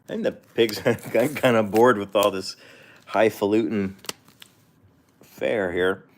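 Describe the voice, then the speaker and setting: A man's voice: on the low side, slow pace, slight background noise. A man casually chatting on a livestream while feeding his guinea pigs, rambling and correcting himself with small chuckles. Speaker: pet vlogger.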